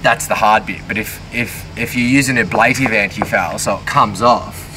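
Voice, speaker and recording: A man's voice: on the low side, distant mic, noisy background. A man sailing vlogger casually explaining boat maintenance outdoors at a boatyard, recorded on a handheld camera. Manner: relaxed, explanatory, jokey. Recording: background music under the voice. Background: background music.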